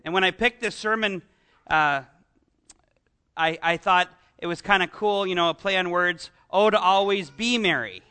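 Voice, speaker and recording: Man, preacher, very high voice, chatty sermon, rhetorical questions. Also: moderate pace, pushed and bright, clean tone. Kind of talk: conversational sermon.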